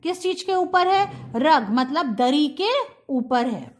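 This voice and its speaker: A woman's voice: high-pitched, animated, takes it slowly. A young woman with an Indian English accent, teaching a kindergarten English lesson, spelling out words letter by letter and explaining them in Hindi.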